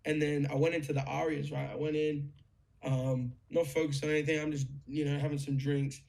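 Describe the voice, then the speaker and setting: A young man telling a story in a casual chat, excited, swearing freely and full of fillers. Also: fairly high pitch, a little fast, creaky. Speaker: guest musician.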